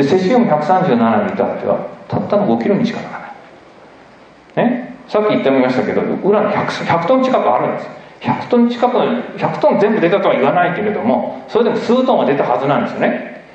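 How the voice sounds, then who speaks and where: A man giving an emphatic, animated public lecture with slides, often asking the audience questions. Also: fairly high pitch. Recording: echoey hall, dull lo-fi recording.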